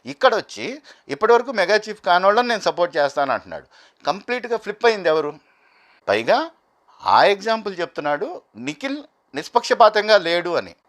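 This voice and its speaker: A man's voice: high-pitched, a little fast, long pauses. A man giving argumentative commentary as a reality show reviewer. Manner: animated, argumentative, quotes contestants in acted bursts.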